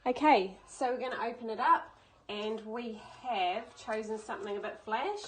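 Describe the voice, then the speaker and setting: A woman's voice: fairly high pitch, normal speed, slight background noise, poor audio. A woman, hosting a baking channel and talking through a recipe step by step in a chatty, upbeat way in her home kitchen. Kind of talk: casual cooking demonstration.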